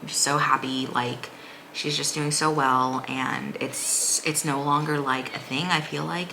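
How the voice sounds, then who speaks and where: A woman's voice: extremely low pitch, fairly even intonation, unhurried, creaky, sharp tone, slight background noise, poor audio. A woman vlogger giving a casual, chatty recap in a rambling, informal way full of "like". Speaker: vlogger, mother of a young child.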